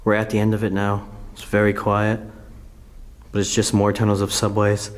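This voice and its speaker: A man's voice: lowish voice, completely flat delivery, normal speed. A young man chatting casually as an urban exploring vlogger, informal and exclamatory, recorded inside an abandoned tunnel. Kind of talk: casual exploring vlog chat. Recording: noisy on-location recording with ambience.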